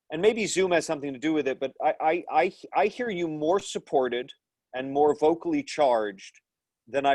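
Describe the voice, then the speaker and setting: This slightly mellow, higher-pitched voice belongs to a man in his thirties teaching a live acting class and Q&A online from a small room at home. He uses an earphone headset mic on a video call, with no room sound. He explains thoughtfully, with many restarts and fillers, moving his hands as he talks.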